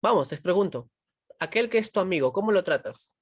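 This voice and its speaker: A woman's voice: lowish voice, animated, brisk, breathy edge, no echo, studio quality. A woman teaching a philosophy class, constantly checking in with her students, asking them questions and pushing them to answer. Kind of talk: online pre-university class.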